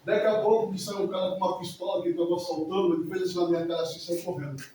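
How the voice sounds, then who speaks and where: A man's voice: sits high, steady tone, very fast, warm tone. A man in his forties giving an emotional, rambling testimony in church, often repeating himself. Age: 40s. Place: church hall. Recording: echoey hall from far off, faint noise.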